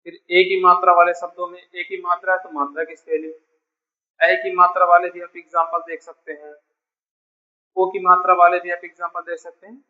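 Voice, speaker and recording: A man's voice: high-pitched, completely flat delivery, brisk, narrow, tinny audio. A man teaching a beginner English lesson, patiently repeating each point and calling his students dear children. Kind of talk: classroom lesson explaining spelling.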